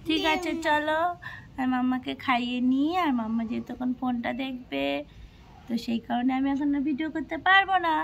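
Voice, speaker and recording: Indian woman chatting away on a home vlog, phone cam, kinda high voice, a little background hiss. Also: brisk, vocal fry. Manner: chatty, talks warmly to viewers and her child. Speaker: vlogger. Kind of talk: casual home vlog narration. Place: home, kitchen and balcony.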